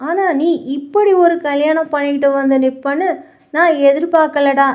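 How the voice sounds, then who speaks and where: A woman's voice: sits high, steady tone, normal speed, darkish tone, natural voice. A woman voicing a complaining middle-aged mother who speaks in a reproachful, lamenting way, on muffled lo-fi audio.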